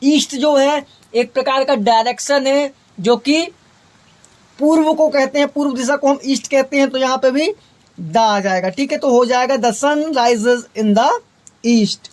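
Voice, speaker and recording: A woman with a high voice gives an explanatory grammar lesson. She poses questions to her students, answers them herself, and keeps checking in with a quick "okay". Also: darkish tone. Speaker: English grammar teacher.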